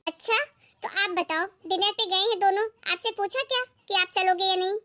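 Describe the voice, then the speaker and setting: Woman playing quarrelsome jealous daughter, sharp complaining tone, very high bright voice, family skit. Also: fairly even intonation, normal speed. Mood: bitter.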